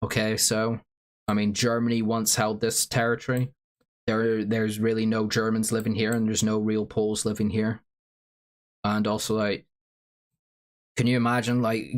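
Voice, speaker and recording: Man, low-pitched, sore throat, rambling livestream talk, lots of fillers. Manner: rambling, filler-heavy, reads viewer chat. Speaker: stream host. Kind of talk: casual livestream commentary.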